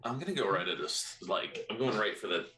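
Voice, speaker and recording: A man with a very deep, bright voice casually plays a tabletop role-playing game. He thinks aloud as he calls out moves. The room is echoey. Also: lively intonation, fairly quick. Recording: roomy echo, faint music behind.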